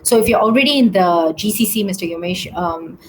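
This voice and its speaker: A woman, answering questions in a business webinar over a video call, with many pauses and restarts. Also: lowish voice, a little hiss or hum, low-quality recording. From Singapore. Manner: hesitant, many ums and restarts.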